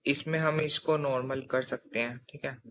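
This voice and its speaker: Speaking at a moderate pace with a steady, fairly bright medium-pitched voice, a young man teaches coding in a relaxed, conversational way. He breaks things down step by step and frequently checks understanding with "theek hai."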